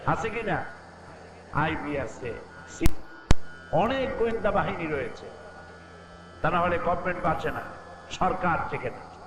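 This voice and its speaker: A man delivers a sermon in a high, measured voice, asking his listeners questions and breaking into slow chanted verses. The recording rings with echo and carries steady background noise from the gathering. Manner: rhetorical questions to the crowd, chants Quran verses. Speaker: Islamic preacher. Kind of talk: Bengali waz sermon.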